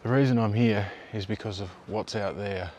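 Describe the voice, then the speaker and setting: Aussie guy in his 30s chatting outdoors, low voice, faint outdoor hiss, laid back. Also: moderate pace. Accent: Australian. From Tasmania, Australia. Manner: relaxed, conversational, offhand asides. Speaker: local history video host. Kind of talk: casual on-location presenting. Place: outdoors by a river and on park paths.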